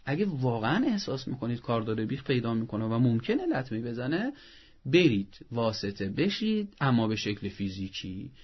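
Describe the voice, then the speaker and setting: A man's voice: mid-range voice, sing-song, breathy edge, muffled recording. A man speaking as a parenting expert, giving earnest advice and acting out parents' scolding. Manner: didactic, earnest, acts out parents' scolding in a raised voice. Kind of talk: advice talk on a show.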